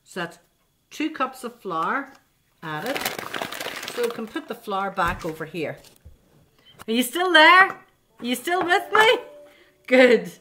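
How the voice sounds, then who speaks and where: Bright and pushed, her voice rides on the high side as this older woman hosts a home-kitchen baking lesson for children. She's chatty, addresses the kids directly, and coaxes them along with questions. There's slight background noise.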